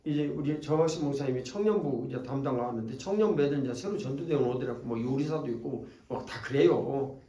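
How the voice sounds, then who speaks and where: Speaking quickly in a mellow, medium-pitched voice, this Jeolla-accented pastor delivers a revival sermon with folksy humor, ribbing his congregation. The recording comes from a distance in an echoey church hall, off-mic, with a little hiss or hum.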